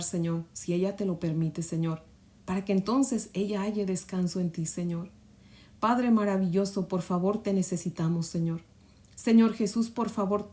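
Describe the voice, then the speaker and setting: Fervent woman devotional host, mellow voice. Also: mid-range voice. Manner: fervent, repeats "Señor" between phrases; prayer ends in a soft whisper. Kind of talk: devotional prayer and Bible teaching.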